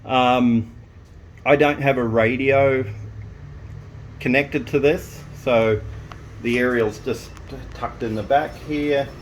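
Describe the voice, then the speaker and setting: Showing off the intercom he's fitting into his vehicle, this man rambles plainly to camera, restarting often. He speaks slowly in a mid-range, fairly flat voice with frequent pauses, over poor audio with slight background noise.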